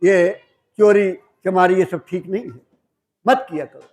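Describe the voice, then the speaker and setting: A man voicing a gentle old holy man who patiently advises in a soft, fatherly way. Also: sits high, a little slow, pitched below the performer's own voice. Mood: advising.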